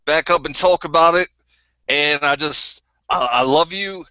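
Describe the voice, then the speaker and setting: A man's voice: fairly high pitch, unhurried, bright, forceful tone, clean tone, no echo. A man playing a bitter, crude ex-member of a group, with a put-on New Zealand accent and a rambling, stammering way of talking. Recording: dull lo-fi recording.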